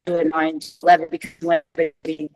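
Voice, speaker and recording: A woman discussing event planning informally at a meeting, halting often to find her words. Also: sits low, monotone, darkish tone. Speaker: event organizer at a board meeting.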